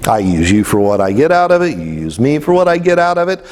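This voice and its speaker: A man's voice: medium pitch, sing-song, fast, darkish tone, in a large hall. A man giving a motivational talk, telling stories in a blunt, casual way. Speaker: spiritual speaker.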